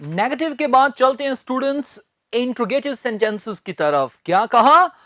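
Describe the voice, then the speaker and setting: A man teaching English grammar in a recorded lecture, speaking deliberately, spelling words letter by letter and repeating key phrases. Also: very high-pitched, animated, over loud music.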